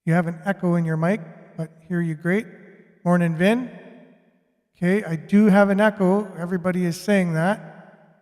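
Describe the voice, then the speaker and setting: A man's voice: high voice, fairly even intonation, normal speed, pauses often, a little mellow. A man hosting a casual livestream, his mic echoing so he sounds like he is talking through a pipe. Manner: chatty, greets viewers by name. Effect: echoey, like talking through a pipe. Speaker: livestream show host. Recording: echoing mic with long reverb.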